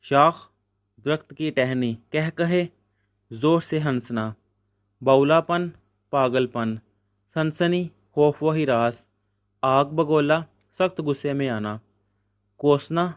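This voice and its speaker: A man teaching a school Urdu lesson with a Pakistani Punjabi accent, reading out words and their meanings in a steady dictating rhythm. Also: mid-range voice, pauses often, clear, resonant tone, dry recording, clean studio sound. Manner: reads word pairs in a steady dictating rhythm. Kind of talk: Urdu textbook lesson explanation.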